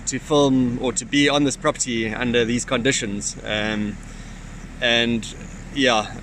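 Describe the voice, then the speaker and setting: A man's voice: medium pitch, sharp tone. A man chats casually and appreciatively to livestream viewers, with hesitant phrasing. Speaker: livestream co-host behind the camera. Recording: faint vehicle and outdoor noise, phone.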